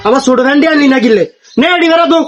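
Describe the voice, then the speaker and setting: Comic skit: quarrelsome village wife, rapid high scolding. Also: male voice, muffled recording, very noisy. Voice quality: shrill, scolding. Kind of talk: comedy skit acting.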